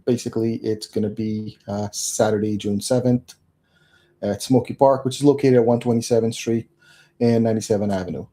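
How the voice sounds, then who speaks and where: A man with a lowish, warm voice hosts a live talk show, making announcements and upbeatly welcoming a guest with plenty of fillers.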